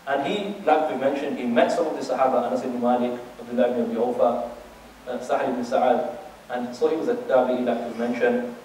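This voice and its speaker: A man's voice: medium pitch, fairly even intonation, fairly quick, darkish tone, a little hiss or hum. A man giving a religious lecture, asking his audience rhetorical questions and often restarting and repeating his words. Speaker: Islamic teacher. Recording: very echoey room, distant mic.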